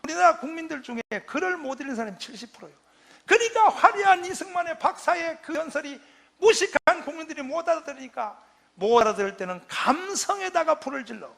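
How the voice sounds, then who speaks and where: A man preaching a fiery patriotic lecture in a very high, bright and sharp voice. There is a gravelly edge to his shouting. He stops often to have the crowd chant lines back to him. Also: animated, a little fast. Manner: acts out quoted voices. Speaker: pastor.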